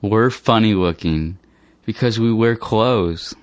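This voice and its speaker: A man reads everyday dialogues aloud for English learners, slow and scripted, with a plain, careful delivery. His voice is fairly low and there's no room sound.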